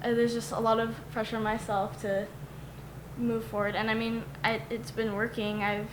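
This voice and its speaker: A young woman, an illustrator, talking haltingly in a podcast interview, full of fillers. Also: fairly high pitch, level tone. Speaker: book illustrator. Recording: roomy, with clear noise.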